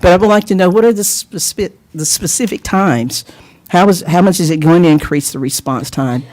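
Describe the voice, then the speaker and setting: Older nc woman speaking at city council podium, earnest and steady, bit of dry humor. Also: lowish voice. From Lenoir, North Carolina. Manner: earnest, measured, with a little wry humor. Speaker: public hearing speaker. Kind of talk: prepared public comment.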